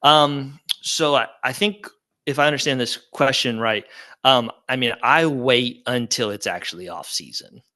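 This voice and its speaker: A man in middle age talks through a live webinar in an easygoing, upbeat way, leaning on fillers and asides as he answers questions. His voice is bright and forward, sitting at an ordinary male pitch. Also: a little slow. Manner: casual, upbeat, conversational with fillers. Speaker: webinar presenter.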